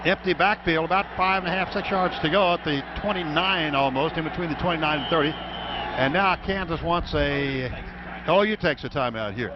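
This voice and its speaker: Heard on a noisy, dull radio recording, a male announcer narrates a football game play by play from a stadium broadcast booth. He speaks at a moderate pace with a voice that runs slightly high.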